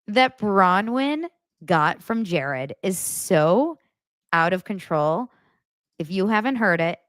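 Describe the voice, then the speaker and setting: A woman hosts a daily pop culture show, chatting casually to camera with her audience in a gossipy, exaggerated style. Her voice sits on the low side. The studio sound is clean, with no room sound.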